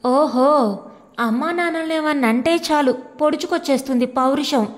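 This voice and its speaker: A woman's voice: sits high, a little slow, in a large hall. A woman reading the part of a mocking husband who scolds his wife with sneering contempt. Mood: scornful. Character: scornful, mocking husband, a grown government clerk.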